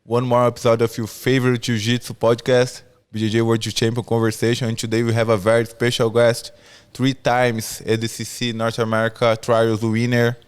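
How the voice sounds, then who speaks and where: Smooth-voiced man hosting a podcast. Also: mid-range voice. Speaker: podcast host.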